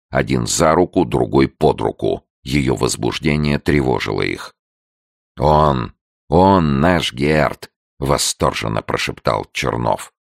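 Very deep gravelly male narrator. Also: no echo, studio quality. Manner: steady, measured reading. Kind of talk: audiobook narration.

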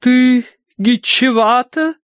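A man voicing a theatrical, imperious woman spirit medium who speaks in slow, grave commands. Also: very high voice, a bit bright, smooth, no room sound, voice pushed up, full character voice. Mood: solemn commanding.

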